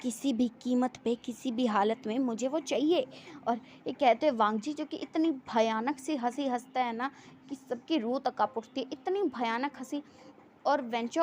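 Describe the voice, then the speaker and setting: A woman's voice: sits high, a little mellow, slight background noise. A woman telling a fan-fiction story in a chatty, run-on way with many fillers.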